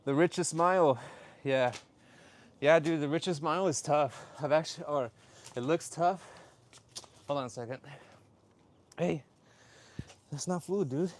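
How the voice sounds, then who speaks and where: A man's voice: a little high, measured pace, pauses often. A man chatting casually on a workout livestream in a slangy, upbeat way. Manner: upbeat shout-outs to viewers, slangy. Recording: clearly noisy live stream with clicks.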